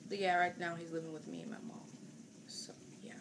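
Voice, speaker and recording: A woman's voice: lowish voice, level tone, a little fast. A woman in her twenties chatting casually with her partner for her vlog, rambling with lots of fillers. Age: 20s. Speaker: vlogger. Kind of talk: casual chat. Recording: noisy home video.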